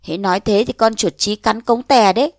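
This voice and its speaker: A brisk, chiding young mother speaks in a dry, close voice, as a woman narrator puts her on. She is a tender but scolding storybook figure. Her pitch is mid and ordinary. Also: no echo, natural voice.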